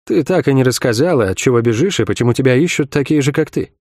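Guy doing a chill friendly young acrobat dude, soft and easy, lively tone. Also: medium pitch, quick pace, no echo, clean studio sound, natural voice. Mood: calm.

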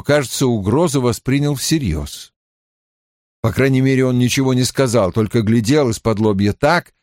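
A man narrating an audiobook in an expressive storytelling manner. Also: mid-range voice, no echo, clean studio sound.

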